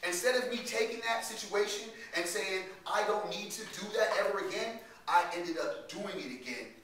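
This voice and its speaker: A man telling a story to young people at a workshop, in an animated, slangy way with laughs. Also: high voice, normal speed, a little hiss or hum. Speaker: workshop speaker for youth. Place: workshop room. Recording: echoey room, distant mic.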